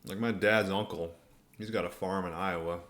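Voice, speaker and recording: A man's voice: sits low, steady tone, moderate pace, a bit bright. A man hosting a casual livestream Q&A, talking in a laid-back, colloquial way as he reads and answers viewer comments. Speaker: livestream host.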